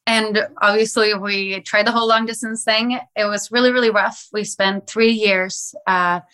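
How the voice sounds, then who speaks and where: A woman's voice: medium pitch, fairly even intonation, normal speed, sharp tone. A young woman from Sweden, a musician guest telling her story in a chatty, enthusiastic way. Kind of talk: casual interview talk.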